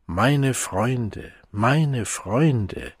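A man voicing a synthetic loudspeaker voice that pleads softly and pathetically for peace. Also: mid-range voice, expressive, husky, no echo, clean studio sound, heavily acted. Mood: tenderly pleading. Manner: soft, pathetic, slow and pleading.

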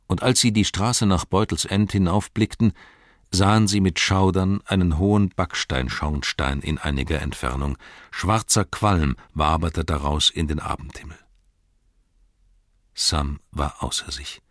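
A man reading a fantasy novel aloud as audiobook narrator, steady and even. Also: low-pitched, a little slow, no room sound, clean studio sound.

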